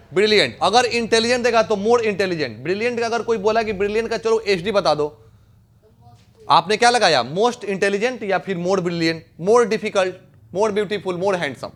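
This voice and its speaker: A young male teacher with a high voice talks through a grammar lesson. He keeps asking his class questions and stops often to check that everyone is following. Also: a bit bright. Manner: repeats questions to students, checks understanding often.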